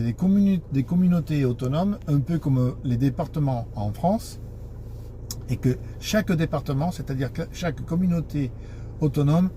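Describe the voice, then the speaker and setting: A man with a slightly high, mellow voice explains things informally. His French is broken and halting, slow, with searches for words and slips in grammar. Some vehicle noise sits behind him. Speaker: taxi association board member and spokesman.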